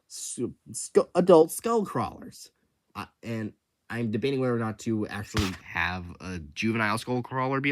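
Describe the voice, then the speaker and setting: With a mid-range, fairly bright voice, a young man hosting a channel runs through the rules of his creature-design contest without a script. His enthusiasm spills into frequent stammering, restarts and fillers.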